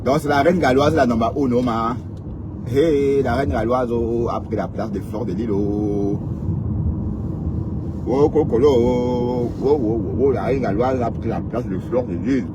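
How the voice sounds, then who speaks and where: A man's voice: mid-range voice, unhurried. Teasing man live-streaming from a noisy street. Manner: teasing, joking, repeats words and tags with "hein". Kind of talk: casual live-stream chat to viewers. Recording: outdoor mic with loud street noise. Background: passing cars and street noise.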